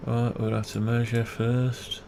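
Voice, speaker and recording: A video creator demonstrates CAD design, muttering and questioning himself as he thinks aloud without a script. His voice is medium-pitched, gravelly, and measured in pace. Steady background noise and keyboard typing can be heard.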